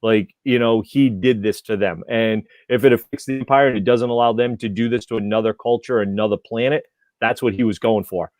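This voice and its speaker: A man's voice: fairly low pitch, fairly even intonation, fairly quick, a little mellow, no room sound. A man on a casual podcast panel, talking with rambling enthusiasm and filling his sentences with like and you know.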